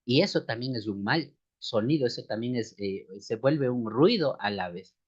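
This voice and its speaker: A man's voice: medium pitch, expressive, moderate pace, husky. A man with a slight cold teaching a church music lesson, explaining step by step and calling his listeners sisters and brothers. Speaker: seminary teacher. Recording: dull lo-fi recording.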